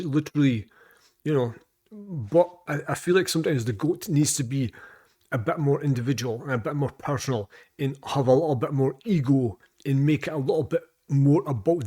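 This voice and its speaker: A Scottish reaction vlogger rambles through casual commentary, repeating himself with frequent fillers, restarts and profanity. His voice is medium-pitched and a little mellow.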